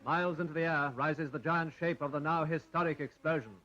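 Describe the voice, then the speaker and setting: A man's voice: a little high, fairly even intonation, a little fast. A man narrating a 1940s newsreel in a formal, dramatic announcer style, heard as an old archive recording. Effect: old newsreel sound. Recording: dull lo-fi 1940s newsreel with faint music. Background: faint music.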